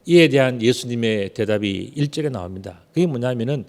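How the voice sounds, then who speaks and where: A man preaches from the pulpit in a mellow, relaxed tone. He keeps the sermon conversational, with rhetorical questions and drawn-out words for emphasis. His voice carries a long reverb from the church hall. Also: mid-range voice. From Gyeongsang region, South Korea. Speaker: pastor. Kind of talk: Sunday sermon with personal storytelling. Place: church sanctuary. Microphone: unmasked behind a screen at the pulpit.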